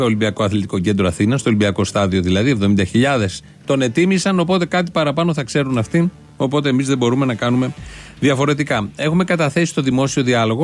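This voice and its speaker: A man delivering a satirical monologue with dry, mock-solemn irony. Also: mid-range voice. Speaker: comedy show host.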